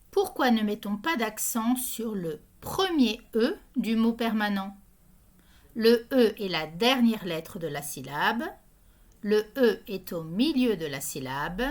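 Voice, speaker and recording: A woman hosting a language quiz, reading questions and answer options in a slow, even, scripted way. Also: medium pitch. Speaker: quiz host.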